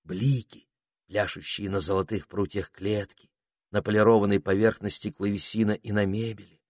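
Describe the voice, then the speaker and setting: A man reading a children's story aloud as narrator, slow and expressive. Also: low-pitched, slightly rough, no room sound, clean studio sound. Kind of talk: audiobook narration.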